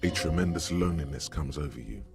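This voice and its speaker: An actor voicing a brooding male inner narrator in a detective game, grave and measured. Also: very deep voice, lively intonation, creaky, music in the background, heavily acted. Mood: somber.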